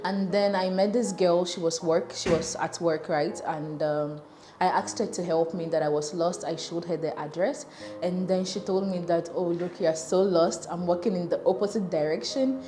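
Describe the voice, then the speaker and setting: A woman from Ghana tells a story in an interview, emphatic as she goes. Her voice is low and mellow. It rings in an echoey space with faint music behind. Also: fairly even intonation, moderate pace. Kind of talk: anecdote in an interview.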